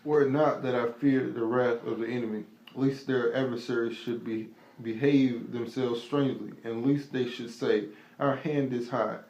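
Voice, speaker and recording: A man reading Bible verses aloud slowly and evenly during a sermon. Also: mid-range voice, fairly even intonation, a little mellow. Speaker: scripture reader. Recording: distant, muffled and echoey with faint noise.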